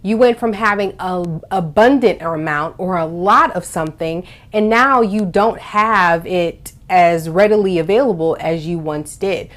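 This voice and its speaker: The host of a children's storytime show, a woman with a fairly low voice, explains things and reads aloud expressively. She stresses key words and stretches them out for her young listeners.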